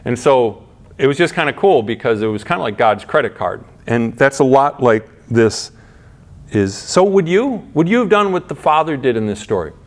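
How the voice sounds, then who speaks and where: At a moderate pace, a middle-aged pastor gives a conversational, laid-back sermon. Rhetorical questions and restarted sentences fill his talk, which moves back and forth between gentle low asides and raised, brighter points.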